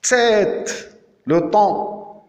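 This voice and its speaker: Very slow Algerian man teaching in an echoey hall. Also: sits high, a little mellow, highs cut off. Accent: Algerian French. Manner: slow and deliberate, repeats each word several times. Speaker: language teacher. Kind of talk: classroom pronunciation lesson. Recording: echoey hall with long reverb.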